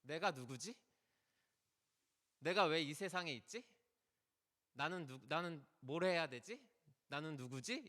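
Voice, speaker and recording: Bright-voiced man preaching in a reverberant hall. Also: fairly high pitch. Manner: casual, conversational preaching with many asides. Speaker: pastor. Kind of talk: sermon to a youth group. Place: church worship hall.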